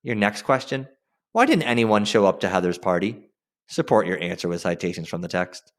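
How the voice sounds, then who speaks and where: This brisk male instructor runs a screen-share lesson for students, his intonation leaping around energetically to emphasize important phrases. He keeps things informal yet directive, checking on his learners often.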